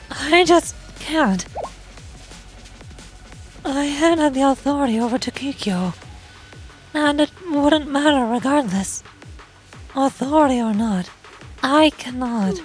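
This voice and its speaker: A woman voicing a solemn, self-doubting girl warrior in a game story, with formal, grave phrasing. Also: sits high. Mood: hesitant, downcast. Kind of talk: amateur voice acting of a game story.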